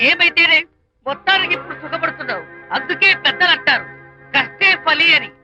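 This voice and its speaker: A man's voice: very high-pitched, animated, a little fast, sharp tone, heavily acted. A man playing a meddling comic friend who theatrically recalls old troubles in a comedy film. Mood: teasing. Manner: chatty, theatrical, mock-emotional. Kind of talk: 1990s comedy film dialogue. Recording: muffled film soundtrack with music.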